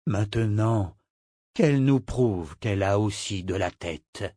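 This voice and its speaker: Man reading as a stern, measured commander. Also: on the low side, dark tone, no echo, studio quality. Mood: stern approval. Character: stern commanding male officer. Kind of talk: audiobook character voice.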